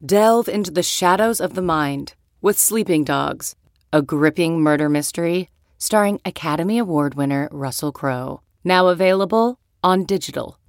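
A woman's voice: lowish voice, moderate pace, no room sound, clean studio sound. A woman announcer reading a scripted advertisement for a film.

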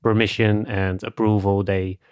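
A man's voice: on the low side, little pitch movement, measured pace, darkish tone, clear, resonant tone, no room sound, lo-fi sound. A man co-hosting a film podcast, talking things through in a casual, conversational way with a lot of "you know" and "like.". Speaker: podcast co-host.

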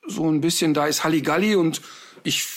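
A man's voice: fairly high pitch, brisk, a bit bright. A man, a dog trainer talking in a casual podcast chat, telling stories animatedly with rambling asides.

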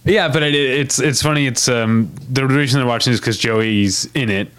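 In a casual podcast conversation, this male co-host rambles along with plenty of fillers and restarts. His smooth, fairly bright, medium-pitched voice moves at a moderate pace.

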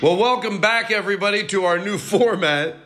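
A man hosting a comedy show, speaking into a phone held to a speaker, joking and mock-enthusiastic with drawn-out emphasis. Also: sits high, over loud music. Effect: talking into a phone held up to a speaker. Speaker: podcast host. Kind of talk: comic show banter.

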